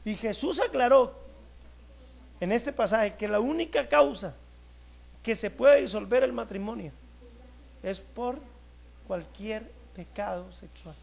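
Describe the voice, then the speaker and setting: A male pastor preaching a sermon, emphatic, stretching key words and swinging between loud and soft. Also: very high voice, unhurried, vocal fry, pauses often.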